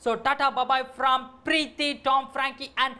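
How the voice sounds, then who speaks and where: A woman hosting a TV prank show, teasing and lively. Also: sits high, slow. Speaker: show host.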